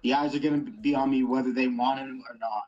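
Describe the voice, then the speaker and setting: Blunt, profane young fighter. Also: male voice, mid-range voice, fairly even intonation, fairly quick, darkish tone, highs cut off. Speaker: MMA fighter guest. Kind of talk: casual interview.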